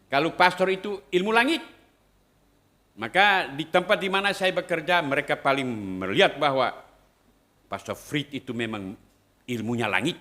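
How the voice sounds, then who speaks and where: Man, middle-aged priest, storytelling homily, animated, acts out voices, bright tone. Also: fairly high pitch.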